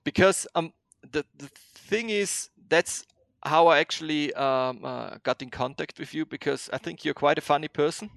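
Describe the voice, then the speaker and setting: A man's voice: a little high, normal speed, gravelly, few pauses, a bit bright, no room sound, studio quality. A man hosting a podcast interview, asking questions hesitantly with many ums and uhs. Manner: hesitant, filler-heavy questioning. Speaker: podcast host.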